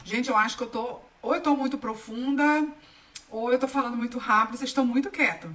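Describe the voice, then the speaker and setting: A woman's voice: a little high, fast talker, a bit bright, far from the mic. A middle-aged Brazilian woman hosting a wellness channel, chatting casually and emphatically to her viewers. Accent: Brazilian Portuguese. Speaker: holistic wellness channel host. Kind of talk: casual spiritual talk to viewers.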